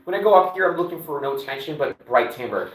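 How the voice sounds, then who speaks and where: A man as a vocal coach, talking himself through a live warm-up and explaining each step as he goes. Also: mid-range voice, animated, fast. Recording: roomy, distant mic with loud piano. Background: piano playing.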